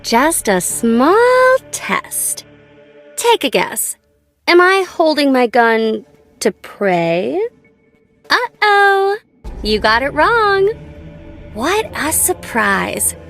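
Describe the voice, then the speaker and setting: Speaking very slowly with big pitch swings, she pitches her voice high, a bit bright and exaggerated, sounding cocky and playful. She's an American actress playing a nonchalant young gun-tech tinkerer in a game, teasing in a light, girlish, breezy and casual manner. The scripted lines were recorded in a studio over background music.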